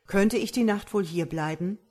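A woman's voice: medium pitch, normal speed, darkish tone, natural voice. A woman voicing an eager young man in a fairy tale, speaking earnestly and politely. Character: eager young male wanderer.

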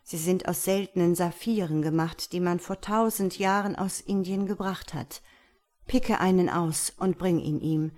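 A woman with a low, steady, natural-sounding voice reads a fairy tale aloud at a slightly slow pace. She voices a selfless, sad statue prince in a sorrowful mood, speaking earnestly, insistently and with soft command.

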